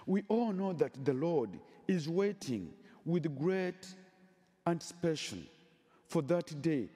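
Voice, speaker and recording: A middle-aged priest delivers a homily at a very slow, measured pace, his voice dark and a little husky. His pitch moves widely and expressively between phrases. The sound carries a long church reverb. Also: sing-song. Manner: slow, deliberate preaching with emphatic pauses. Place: church sanctuary, at a lectern. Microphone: headset mic.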